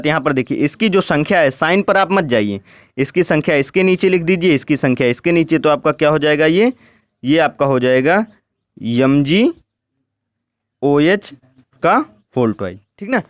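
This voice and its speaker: A man teaching chemistry at a board, speaking slowly and asking questions he then answers himself. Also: on the high side, no room sound. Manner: asks questions and answers them himself, repeats "ठीक ना". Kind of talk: board lesson, step by step.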